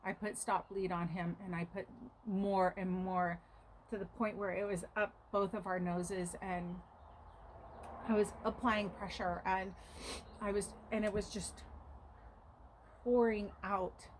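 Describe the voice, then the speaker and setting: Woman, homesteader vlog, earnest, shaken retelling, slow delivery, mid-pitched voice. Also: flat delivery, a little hiss or hum, low-quality recording. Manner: speaks of God and prayer often. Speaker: homesteader vlogger. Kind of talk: emotional storytelling to camera.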